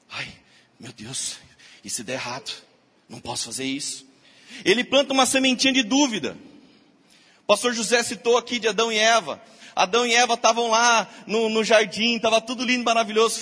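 A male pastor, preaching a lively sermon and acting out quotes of the people he talks about. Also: high voice. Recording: long hall reverb.

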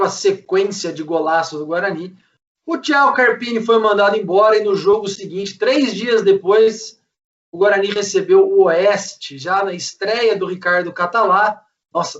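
A man's voice: high-pitched, fairly bright tone. A man with a Brazilian accent hosting a casual football recap and discussion. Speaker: host of a football fan show. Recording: dull, distant microphone.

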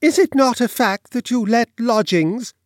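A man doing a shrill, nervous gentleman lodger. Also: expressive, unhurried, no room sound, clean studio sound. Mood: courteous, uneasy. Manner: shrill, hesitating, unbalanced voice. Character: nervous, courteous gentleman lodger, sallow and lanky.

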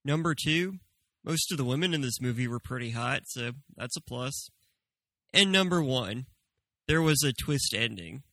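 Gravelly, offhand man co-hosting. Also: medium pitch, animated, normal speed, sharp tone, dry recording. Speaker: movie review show co-host. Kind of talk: casual review chat.

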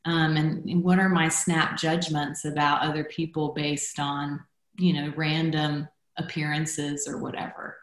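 A woman's voice: low-pitched, little pitch movement. A woman from Guatemala, a guest speaking reflectively in an interview. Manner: reflective, measured, with fillers. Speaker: guest, former executive director. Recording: echoey room.

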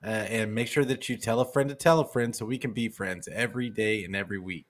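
A man co-hosting a sports podcast in a relaxed way, working through his thoughts and plugging his own show. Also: on the low side, quick pace. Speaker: podcast co-host. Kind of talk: casual podcast banter.

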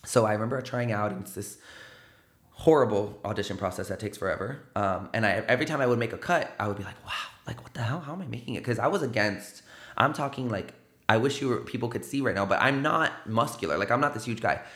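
A man from San Antonio's South Side with a South Texas accent tells stories casually as a guest in a podcast studio, his low-ish voice fast and reverberant. Animated, he peppers his points with "like" and tags them with "right?" in a storytelling interview.

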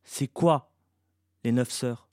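A man's voice: medium pitch, slow pace, darkish tone, no echo, clean studio sound, lightly acted. A man voicing a stubborn young boy who protects his mother, speaking in a raised, urgent voice. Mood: agitated.

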